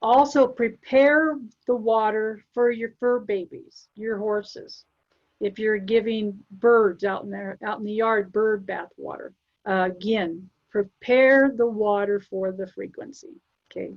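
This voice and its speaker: A woman giving gentle spiritual guidance in a casual chat, soft-spoken and instructive, often trailing off quietly. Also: mid-range voice, steady tone, measured pace, lo-fi sound. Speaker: spiritual channeler.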